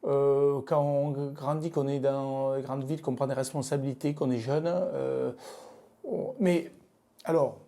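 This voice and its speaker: Gravelly man with a southern French accent. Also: mid-range voice, steady tone, measured pace, warm tone. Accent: southern French (Midi). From France, Lozère. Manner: frank, hesitant, many fillers and restarts. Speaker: guest, business leader. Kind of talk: casual interview talk.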